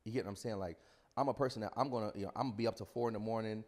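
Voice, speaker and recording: Here a podcast guest, an entrepreneur from the Bronx in New York, rattles off his story at a rapid clip in a lowish voice. The interview is conversational; he repeats himself for emphasis and drops in "you know what I'm saying." The audio carries a hall-like room echo.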